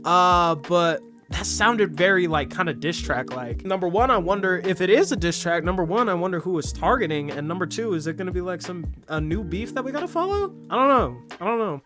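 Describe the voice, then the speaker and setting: Fairly quick and hardly pausing, a man with a high-pitched, lively voice reviews an album from his bedroom while music plays. He sounds slightly sick and rambles casually, packing in fillers and restarts.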